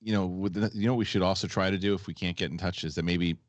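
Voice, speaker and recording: A man's voice: low-pitched, fairly even intonation, fast, no room sound, highs cut off. A man hosting a casual live stream, explaining things and often repeating his phrases. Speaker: live show host.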